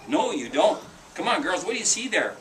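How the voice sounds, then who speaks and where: A man's voice: sits high, brisk, crowd noise. A man, an author and storyteller, reading his picture book to a group of children in a school room, asking them questions as he goes. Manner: animated, talks to the children, asks questions. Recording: roomy, distant mic.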